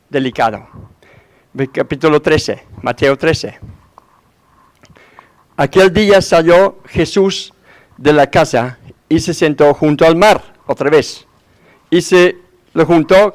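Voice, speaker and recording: Male pastor, slightly high voice, conversational sermon full of rhetorical questions. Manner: conversational preaching with frequent rhetorical questions to the congregation; acts out quoted voices in his story.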